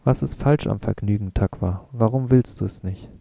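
A man voicing a brooding, searching young man in an audiobook, with a rough, earnest, musing way of talking. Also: lowish voice, normal speed, mellow, no echo. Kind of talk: audiobook reading.

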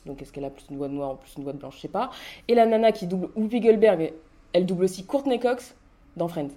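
A woman's voice: lowish voice, expressive, fast, mellow. A woman who works as a dubbing actress, speaking frankly in an interview and recounting conversations. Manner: frank and direct, recounts exchanges. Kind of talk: candid interview testimony.

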